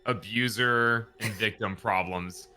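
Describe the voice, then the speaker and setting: Bright-voiced man playing a tabletop game. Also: on the low side, steady tone, slow pace, faint music behind. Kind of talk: casual in-character game banter.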